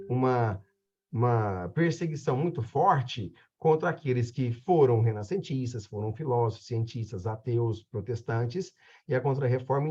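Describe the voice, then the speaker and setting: A male teacher with a Brazilian Portuguese accent gives a lively exam review lecture in a joking, conversational way, checking in with the class after his points. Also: mid-range voice, breathy edge, highs cut off.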